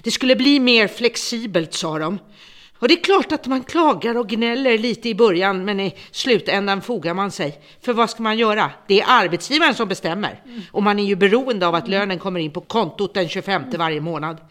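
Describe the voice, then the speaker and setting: A woman's voice: mid-range voice, animated, close to an everyday voice. An actress playing a worn-out middle-aged woman who has become a bitter, vengeful captor, speaking in a brooding, resentful monologue. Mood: bitter lament. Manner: bitter, brooding monologue turning to hushed menace. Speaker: embittered former home care worker holding a captive. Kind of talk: radio drama acting.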